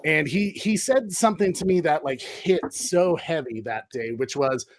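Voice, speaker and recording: A man's voice: fairly high pitch, normal speed, no room sound, clean studio sound. A man in his thirties, a podcast guest, telling stories in a rambling, easygoing way with many fillers. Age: 30s. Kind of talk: casual chat.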